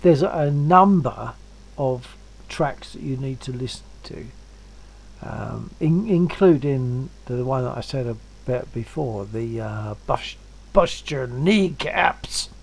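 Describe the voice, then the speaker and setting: A man's voice: medium pitch, lively intonation, takes it slowly, vocal fry, darkish tone, slightly rough, rough recording. A man chatting casually on a livestream, wordy and self-deprecating. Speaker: stream guest.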